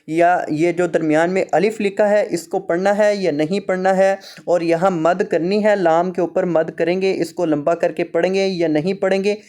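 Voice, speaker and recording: A man teaching Quran recitation, spelling words slowly letter by letter and drawing out each sound. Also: fairly high pitch, darkish tone, clean tone. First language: Urdu. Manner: slow, drawn-out letter-by-letter spelling.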